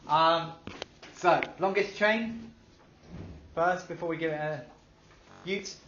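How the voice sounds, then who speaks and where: In an echoey room, an upbeat male teacher quizzes his class and praises their answers, speaking slowly. His voice is a touch high for a man and a bit bright. The sound is dull and slightly muffled, with faint background noise.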